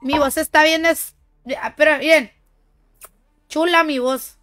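This Mexican-accented woman keeps a steady, measured pace as she plays a shooter on stream. Her high-pitched, fairly bright voice carries casual, playful talk full of teasing and boasting.

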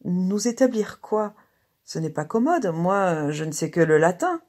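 A woman's voice: on the low side, moderate pace, a little mellow, breathy edge. A woman voicing a timid, tipsy old male Latin tutor, stammering and hesitant as she reads the story aloud. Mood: flustered. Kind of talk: dramatized story reading.

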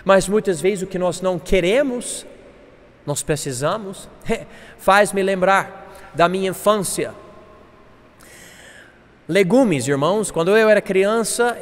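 A man preaching a sermon as pastor, earnest and swelling louder for emphasis. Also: sits high, in a large hall.

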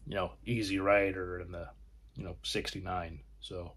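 A man hosting his own film channel, casually showing his disc collection in halting, rambling talk with frequent pauses. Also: deep voice, steady tone, fairly bright tone, breathy edge. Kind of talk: casual video collection review.

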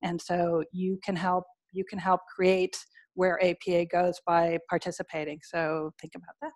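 A woman with a somewhat low voice makes encouraging announcements over a video call. The sound is dry and close. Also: level tone, darkish tone, no room sound. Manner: encouraging, brisk. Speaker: organizer handing over to host. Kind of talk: closing announcement.

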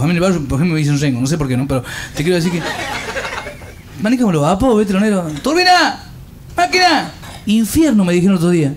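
A man from Córdoba, Argentina, with a Cordoban accent, telling rapid-fire stand-up jokes and doing the characters' voices. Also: on the high side. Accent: Cordoban Argentine Spanish. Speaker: stand-up comedian.

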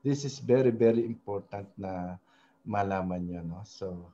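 A man leads a relaxed screen-share tutorial, pausing often and checking in with tag questions. His voice is mellow and dark. The audio is dull and lo-fi. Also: fairly low pitch, a little hiss or hum. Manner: hesitant, many fillers, frequent tag questions. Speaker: web design tutorial host. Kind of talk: casual screen-share tutorial in mixed Tagalog and English.

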